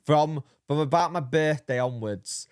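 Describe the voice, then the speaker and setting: Hoarse man, 30s, wry podcast co-host, dry close sound. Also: on the high side, a little slow, darkish tone, no room sound. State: hoarse from recent illness. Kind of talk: casual football podcast chat.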